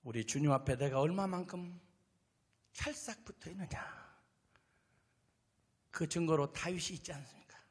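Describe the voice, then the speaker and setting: A man pastor preaching a revival sermon, dramatic, swinging from quiet murmurs to shouts. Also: fairly high pitch, normal speed, pauses often, slightly rough. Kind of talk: revival sermon with acted story. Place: large church hall. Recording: long hall reverb.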